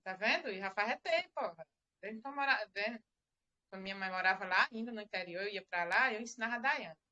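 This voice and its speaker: A woman's voice: mid-range voice, expressive, fairly quick, sharp tone, dull audio. A middle-aged woman giving a religious testimony on a live stream, rambling and repeating herself as she tells the story. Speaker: church member giving testimony.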